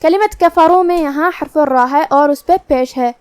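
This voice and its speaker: A woman with an Urdu accent teaches the rules of Quran recitation in a tajweed lesson, going through them slowly, patiently and step by step. Her voice is high with a darkish tone, and there is no room sound.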